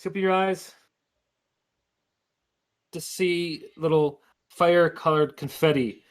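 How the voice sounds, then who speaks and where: A man narrating a tabletop game as game master in an informal, halting storytelling way. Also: on the high side, steady tone, clean tone.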